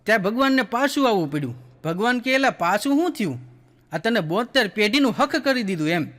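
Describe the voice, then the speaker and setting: A Kathiawadi Gujarati comedian tells his jokes in a folksy storytelling way, acting out each person in his stories. His voice sits high for a man. A long hall reverb trails after his words. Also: sing-song, a little fast, a bit bright. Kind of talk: stand-up joke telling.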